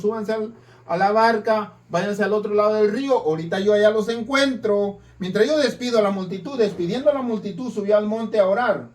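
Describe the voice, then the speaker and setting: A man preaching a sermon in an emphatic style, with dramatic swings between loud and soft. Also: high-pitched. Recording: distant mic.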